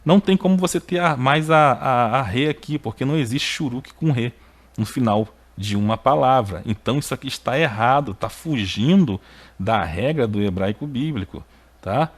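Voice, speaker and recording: A man teaching a video lesson. His voice sits in a middle pitch and climbs sharply whenever he hammers a point home. He keeps checking in with his listeners through short tag questions. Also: lively intonation, normal speed. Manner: emphatic, repeatedly checks with "tá?"; pitch rises sharply when stressing a point. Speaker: Hebrew teacher.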